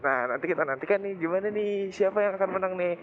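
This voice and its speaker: A young man with a Jakarta accent chats away in loose slang, unable to roll his r, which comes out lisped. His voice sits a little high. It is captured through a muffled makeshift helmet mic, with heavy vehicle noise around him as he rides. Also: fast. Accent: Jakarta Indonesian. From Indonesia. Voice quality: lisped r (cadel), cannot roll the r sound. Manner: chatty, slangy. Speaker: motovlogger. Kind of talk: casual rambling chat to viewers. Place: riding a motorbike outdoors. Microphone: cut-off earphone mic inside helmet.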